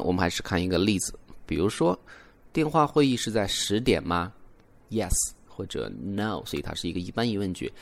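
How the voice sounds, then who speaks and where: A young man hosting an English lesson podcast, explaining patiently and demonstrating rising and falling intonation on example words. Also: lowish voice. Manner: explains slowly, demonstrates English intonation with exaggerated rises and falls. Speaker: English teacher and podcast host. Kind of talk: bilingual language lesson.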